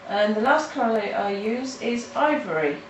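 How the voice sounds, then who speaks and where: Her voice runs on the high side and is expressive, though nasal from hay fever, as she casually narrates a step-by-step coloring tutorial at her rural home. Delivery halts with restarts and fillers; the audio is roomy, distant and faintly noisy.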